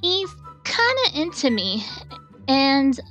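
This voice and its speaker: Woman as squeaky, gushing hedgehog fangirl. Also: big pitch swings, takes it slowly, fairly bright tone, lo-fi sound, soft background music, exaggerated voice. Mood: excited, flirty.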